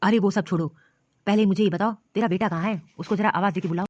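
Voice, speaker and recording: Woman voicing old cartoon father-in-law, stern and scolding, quick talker. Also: mid-range voice, fairly even intonation, a little mellow, dry recording, close to an everyday voice. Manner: scolding, commanding. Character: stern caring elderly father-in-law, protective. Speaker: cartoon voice actor. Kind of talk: storybook cartoon dialogue. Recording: dull lo-fi dry recording.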